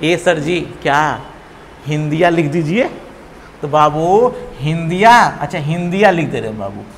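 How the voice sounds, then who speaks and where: A man teaches a classroom in a high, unhurried voice. He counts out loud, fires questions at the students and teases them playfully. The sound rings with a long hall echo over faint background noise. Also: lively intonation, vocal fry. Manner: teasing, calls students babu, counts aloud, quizzes class. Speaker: chemistry teacher. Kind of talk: classroom lecture.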